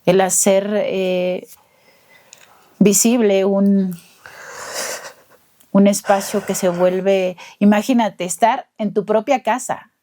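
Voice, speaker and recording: A woman leads an interview at an unhurried pace. She speaks in a measured, deliberate way, in the middle of the pitch range. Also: fairly even intonation, dark tone. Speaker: interviewer, lawyer. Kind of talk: empathetic interview commentary.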